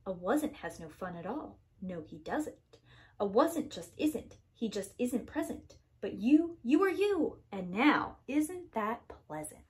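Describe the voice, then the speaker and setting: Reading a rhyming picture book aloud, this woman sounds like a dramatic preschool teacher, stressing words with theatrical flair. Her voice is fairly high and a little mellow, and she moves slowly in a lilting, sing-song way.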